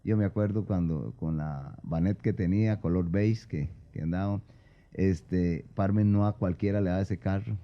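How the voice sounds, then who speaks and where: A man's voice: low voice, normal speed, highs cut off. A Costa Rican man, a guest, reminiscing in a plainspoken, earnest way. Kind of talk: casual reminiscing.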